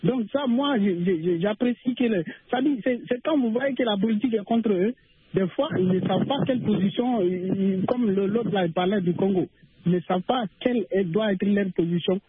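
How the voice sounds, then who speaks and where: A man's voice: sits high, brisk, a little hiss or hum. A man with a Senegalese French accent calling in to a radio show over a phone line, earnest and repeating words when stuck.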